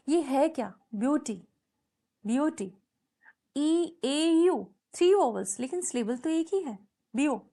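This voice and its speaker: A woman's voice: high-pitched, a little mellow. A woman teaching an English lesson, switching between Hindi and English and patiently repeating example words. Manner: mixes Hindi and English, checks understanding with repeated questions. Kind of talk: classroom lesson explanation.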